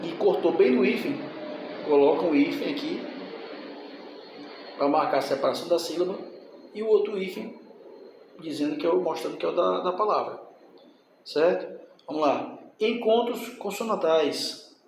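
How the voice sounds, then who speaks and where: A man's voice: a little high, normal speed, gravelly, long pauses, a little mellow, heavy reverb, slight background noise. A man teaching a grammar lesson, explaining step by step and checking in with his students. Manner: explains step by step, often asks "tá?" and "certo?".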